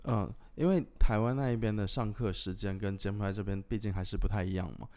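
Young male podcast co-host, low-pitched, casual conversational delivery. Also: fairly even intonation, fast, dark tone. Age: young adult. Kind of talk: casual chat.

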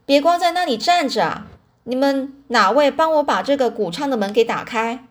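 A woman's voice: a little high, normal speed, lightly acted. A woman voicing an eager farm boy who pleads earnestly with his mother in a storybook reading. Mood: urgent. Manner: earnest, coaxing.

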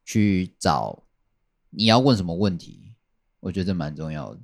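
A man's voice: deep voice, moderate pace. A man chatting casually on a podcast, rambling and repeating his phrases with many fillers. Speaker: podcast guest telling a work story.

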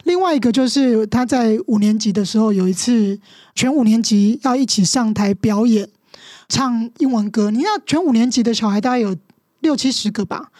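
Fairly high-pitched with a darkish tone, a Taiwanese-accented middle-aged woman speaks as a podcast guest, a teacher and mother sharing a painful story. She's impassioned and emotional, readily acting out scenes, and the studio recording is dry.

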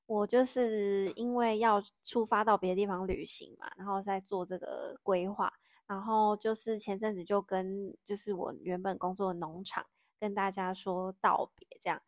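A woman's voice: mid-range voice, level tone, normal speed, no echo. A young Taiwanese woman speaks as a podcast guest in a mid-range voice, recorded dry and close. She has a Taiwanese Mandarin accent and a reserved, plain way of telling things. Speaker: guest, host's sister. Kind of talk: casual chat. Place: living room of a home.

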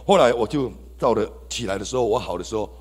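Husky, animated Taiwanese man testifying. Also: fairly low pitch, fast. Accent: Taiwanese Mandarin. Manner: animated, exclamatory, addresses the congregation. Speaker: church member giving testimony. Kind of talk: testimony sermon. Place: church hall. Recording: reverberant church hall.

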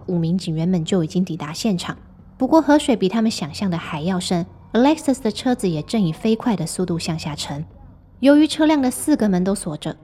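A woman hosting and narrating a true story in a measured, scripted storytelling manner. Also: mid-range voice, a little mellow. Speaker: host and narrator.

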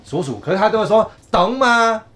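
Taiwanese-accented male co-host, high and very lively, animated joker. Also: very fast. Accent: Taiwanese Mandarin. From Kaohsiung, Taiwan. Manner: animated, joking storyteller. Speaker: podcast co-host. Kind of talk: casual chat.

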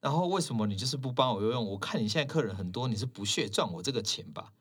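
Guy, hairstylist, rattles off stories fast, does little voices for quotes. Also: mid-range voice, husky. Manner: animated, acts out quoted dialogue in shifted voices. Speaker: hairstylist guest. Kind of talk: casual chat, storytelling.

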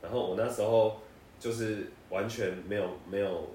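A man's voice: lowish voice, steady tone, moderate pace, dark tone, recorded from a distance. A man in his twenties with a Taiwanese Mandarin accent, co-hosting a casual podcast chat, telling stories and laughing often. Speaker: podcast co-host. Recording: echoey room, voice off-mic, faint noise.

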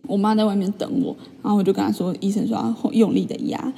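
A young woman, chatting in a vlog as she retells a personal story with lively, filler-filled asides. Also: medium pitch, fast talker, creaky, breathy edge, long reverb tail. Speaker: vlogger. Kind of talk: casual storytelling monologue.

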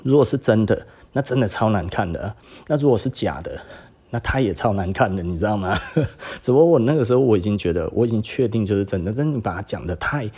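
A man's voice: lowish voice, fast, husky. Laughing Taiwanese man telling a story. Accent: Taiwanese Mandarin. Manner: animated, laughs often, acts out quoted dialogue. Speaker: podcast host. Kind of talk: casual storytelling monologue.

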